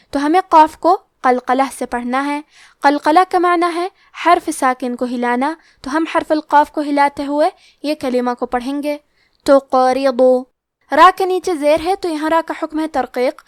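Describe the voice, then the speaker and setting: A woman's voice: sits high, no echo, clean studio sound. A woman teaching Quran recitation rules, explaining each letter methodically step by step. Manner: chants verses slowly and drawn out. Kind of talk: tajweed lesson with slow chanted recitation.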